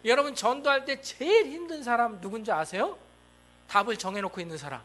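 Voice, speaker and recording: A man preaching a sermon as pastor, animated and acting out voices in quoted lines. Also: very high-pitched, fairly quick. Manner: animated, acts out God and the king in quoted lines. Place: church sanctuary.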